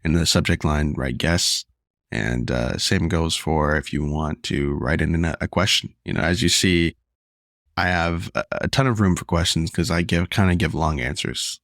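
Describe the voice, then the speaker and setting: A man hosts his podcast alone, speaking earnestly and openly about his own life. His voice sits low and gravelly, strained from sickness as he loses it. The sound is close and dry, with no room around it. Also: normal speed, a bit bright, dry recording. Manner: earnest, confessional. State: losing his voice, unwell. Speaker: podcast host. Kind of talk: solo podcast monologue.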